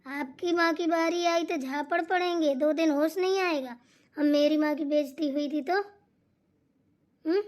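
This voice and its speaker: A rowdy young wife, drunk on bhang, hoots wildly and rambles about every insult she has suffered, played by a woman. It is a high cartoon-comedy voice with slurring, loose delivery. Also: moderate pace, a little mellow, lightly acted. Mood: drunk aggrieved. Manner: slurring outbursts, wild hooting, rambling grievances. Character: daughter-in-law drunk on bhang, rowdy and aggrieved.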